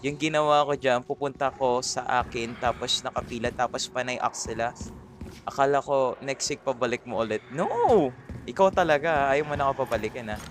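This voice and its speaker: A man's voice: mid-range voice, brisk, fairly bright tone, slight background noise. A man with a Filipino accent doing livestream gameplay commentary, greeting chat viewers by name and mixing Tagalog and English. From Philippines. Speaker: streamer.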